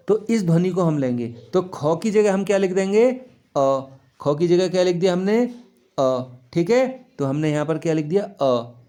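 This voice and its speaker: A man's voice: fairly high pitch, darkish tone. A man teaching children a grammar lesson, asking questions and answering them himself, repeating key words and checking if they follow.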